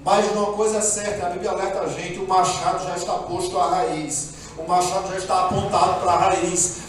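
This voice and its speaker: Pastor, animated storyteller, high and expressive voice, echoey church from a distance. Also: male voice, fairly quick. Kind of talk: sermon. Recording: echoey room, speaker far from mic, faint background noise.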